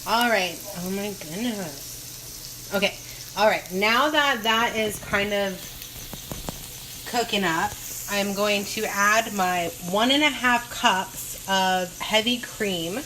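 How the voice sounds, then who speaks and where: A woman with a mid-pitched voice talks through her cooking in a casual, loose way. She thinks aloud and drifts into playful asides. The phone recording is noisy, with dishes and pans clattering in a home kitchen. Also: slow, sharp tone. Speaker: home cook hosting a cooking video.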